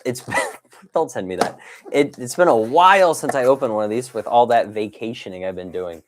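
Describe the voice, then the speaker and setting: With a medium-pitched voice, lively intonation and a moderate pace, this man runs a casual livestream for his toy dinosaur collecting channel. He reads viewer messages aloud, chats playfully and slips into exclamations and asides. Slight background noise can be heard.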